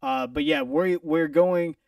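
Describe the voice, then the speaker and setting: A man co-hosting a casual football prediction chat, playful and theatrical, swinging from loud outbursts to mutters. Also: sits high, animated, measured pace, gravelly, clean tone, no echo, far from the mic. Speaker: podcast co-host.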